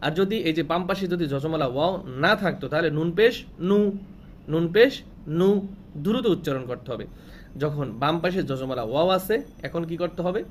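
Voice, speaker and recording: A man teaching Quran reading, asking questions and answering them himself, repeating each rule slowly so it can be memorized. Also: fairly high pitch, animated, a little hiss or hum. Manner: draws out sounds when showing long vowels. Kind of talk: slow classroom-style recitation lesson.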